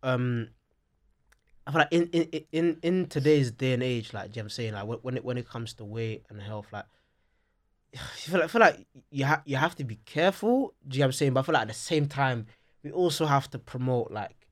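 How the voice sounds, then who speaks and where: A man talks casually in a London roadman accent, as on a podcast among friends. His speech is full of street slang and repeated check-in phrases, at a middling pitch. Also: animated, brisk. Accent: London, urban slang. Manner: slangy, repeats "you know what I'm saying".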